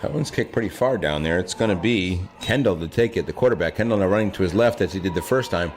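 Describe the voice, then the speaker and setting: A man giving conversational live play-by-play of a high school football game, as its announcer. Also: expressive, fast talker. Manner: conversational, corrects himself aloud. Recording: noisy live outdoor field broadcast.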